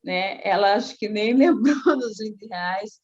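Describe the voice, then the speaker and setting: A middle-aged woman, telling a personal faith testimony in a casual, animated way. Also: mid-range voice, unhurried, muffled recording. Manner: animated storytelling, acting out quoted voices. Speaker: guest giving a testimony.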